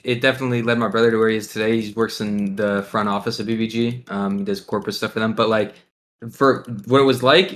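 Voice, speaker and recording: Bright-voiced teenage boy, laid-back. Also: mid-range voice. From Ohio, USA. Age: teens. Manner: laid-back, chuckling, rambling with fillers. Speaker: guest, pro gamer. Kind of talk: casual interview.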